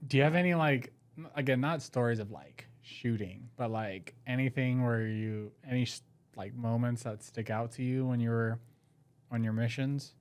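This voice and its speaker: A podcast host asking curious, casual questions and reacting quickly with short interjections. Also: medium pitch.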